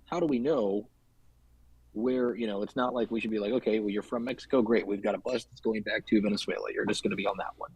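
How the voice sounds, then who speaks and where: A man's voice: fairly low pitch, fairly even intonation, fast, slightly rough, no room sound, poor audio. A man co-hosting a casual podcast, talking politics in a thoughtful, filler-heavy way. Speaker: podcast co-host.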